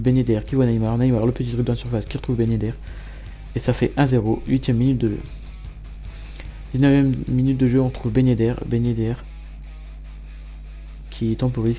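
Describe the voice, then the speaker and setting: A man giving matter-of-fact play-by-play commentary as a gamer over his own match highlights. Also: warm tone. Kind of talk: gameplay commentary.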